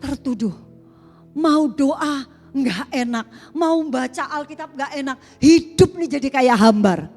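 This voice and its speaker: A high-voiced woman pastor preaches a sermon in a church sanctuary at a measured pace, animated and conversational, posing rhetorical questions. The recording has the long reverb of a church hall and faint music.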